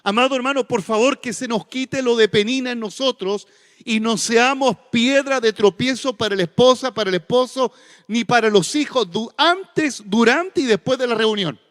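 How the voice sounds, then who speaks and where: A male pastor with a Chilean accent preaching a sermon into a stage microphone, folksy and humorous, then softly earnest. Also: very high voice, normal speed. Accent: Chilean Spanish. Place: church sanctuary. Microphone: stage microphone with monitor. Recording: long church reverb.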